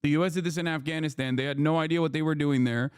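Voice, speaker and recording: A man's voice: fairly high pitch, fairly even intonation, racing, clean tone, no echo, clean studio sound. A man who grew up in Turkey, reacting to news clips on his live stream in a heated, sarcastic and profane way.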